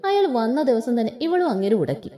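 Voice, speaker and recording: A woman's voice: on the high side, big pitch swings, moderate pace, dark tone. Woman voicing a chatty college friend. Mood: amused.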